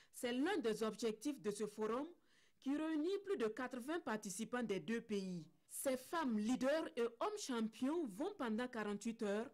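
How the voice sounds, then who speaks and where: A woman's voice: a little high, a little mellow. A woman with a Burkinabe French accent reading a scripted television news report in a formal tone.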